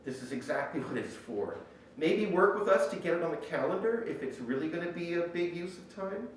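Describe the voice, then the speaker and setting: A man giving an informal, emphatic shop orientation as an instructor, speaking plainly through a face mask that slightly muffles him. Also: on the high side. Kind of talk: informal spoken orientation, explaining rules and equipment. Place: indoor woodworking shop. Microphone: distant microphone. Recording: very echoey workshop, distant mic, faint noise.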